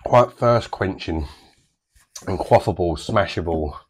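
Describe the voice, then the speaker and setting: A husky, deep-voiced British man in his thirties reviews a beer to camera, animated but slow-paced. Easygoing and chatty, he drifts through fillers and loose descriptions while recorded close in a small home bar room.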